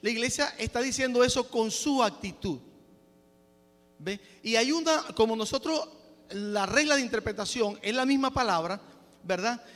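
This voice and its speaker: A man's voice: extremely high pitch, normal speed, a bit bright, in a large hall. A man preaching a sermon to his congregation, often breaking in with praise to God and stumbling over words as he explains. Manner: restarts and stumbles while exhorting; frequent praise interjections. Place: church.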